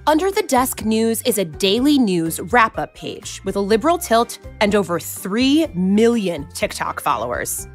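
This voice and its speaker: A woman's voice: mid-range voice, big pitch swings, a little slow, few pauses, faint music behind. A woman hosting an interview and narrating the report, asking questions in a conversational way. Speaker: host and narrator.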